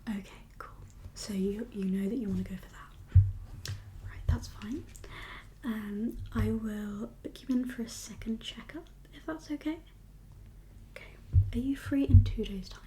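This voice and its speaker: A woman whispers through an ASMR doctor roleplay, breathy and gentle, reassuring yet slightly hesitant in a consultation style. Her pitch is fairly high and her pace measured, with slight background noise.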